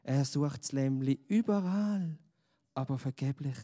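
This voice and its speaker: Slow, mellow storyteller man. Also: medium pitch. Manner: slow, gentle storytelling with questions. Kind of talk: children's story narration.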